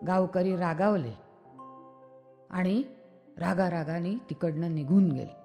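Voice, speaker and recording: A woman tells a children's story at a very slow, deliberate pace, stretching and repeating words for effect. Her mid-pitched voice carries a long reverb with soft background music underneath. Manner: slow, expressive, repetitive storytelling.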